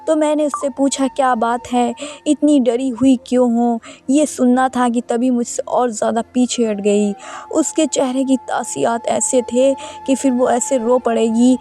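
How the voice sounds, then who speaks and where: Lady with a high voice narrating a family story, soft music under it. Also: fairly even intonation. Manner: reads a first-person tale in a man's voice.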